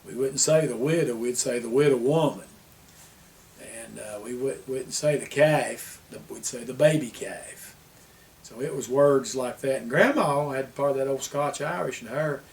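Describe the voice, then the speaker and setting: A man's voice: mid-range voice, moderate pace. An older man with an Appalachian accent tells family history in a folksy, rambling porch-sitter way, dropping his word endings. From Appalachian Tennessee, US. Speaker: interviewee sharing family history. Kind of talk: unhurried oral-history storytelling, like a porch sitter reminiscing. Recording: distant mic with background noise.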